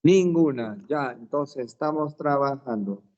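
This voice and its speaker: A man's voice: mid-range voice, animated, unhurried, a little mellow, muffled recording. A male teacher giving a classroom lesson, explaining patiently with everyday examples and often checking that students follow.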